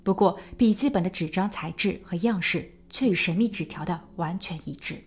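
A woman narrating a true crime podcast in a measured storytelling voice, building suspense as she goes. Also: fairly low pitch, slightly rough. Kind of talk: scripted narration.

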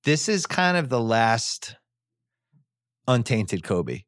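A man talks through sports memories in a loose, animated podcast chat. His voice sits in an ordinary middle pitch. Wry asides break up the stories. The sound is close and dry, as in a small studio. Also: slow pace, smooth, dry recording. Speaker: podcast host.

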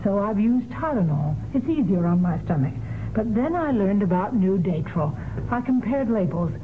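An actress playing a sensible working homemaker in a scripted radio commercial testimonial. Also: female voice, medium pitch, animated, moderate pace, lightly acted. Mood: matter-of-fact. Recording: dull, faintly noisy radio recording.

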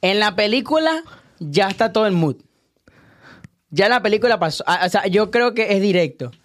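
Man, animated, lecturing, fairly high voice, dry close mic. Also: normal speed, no echo. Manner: animated, lecturing, laughs while talking. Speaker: dating advice guest. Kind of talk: casual podcast chat.

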